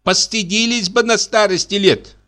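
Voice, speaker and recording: A man voicing a fussy, sharp-tongued old mother who scolds in shrill, folksy speech. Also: fairly even intonation, moderate pace. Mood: scolding.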